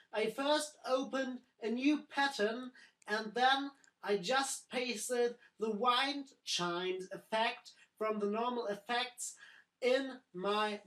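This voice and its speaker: A woman giving a screen-recorded music software tutorial, in simple phrasing that doubles words like "very, very". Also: a little high, roomy sound, poor audio.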